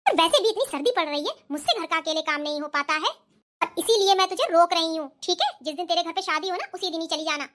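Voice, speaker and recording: A domineering mother-in-law from a cartoon, scolding her daughter-in-law sternly, as a woman voices her. Her tone is bossy, and the voice is very high and bright. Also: quick pace. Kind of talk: cartoon voice acting.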